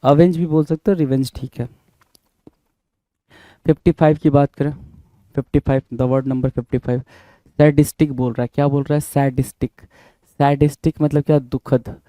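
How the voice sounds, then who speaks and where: Dark-voiced Indian man teaching vocabulary. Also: medium pitch, fairly even intonation, normal speed, pauses often, dry recording, rough recording. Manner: repeats words and spells them out letter by letter, quizzing the viewer. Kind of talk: vocabulary lesson in Hindi-English mix.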